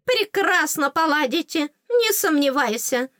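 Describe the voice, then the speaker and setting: A woman voicing a small, cheeky female tooth fairy with a squeaky, teasing, excitable voice in an audiobook. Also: a little slow, no room sound, clean studio sound. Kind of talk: audiobook character voice.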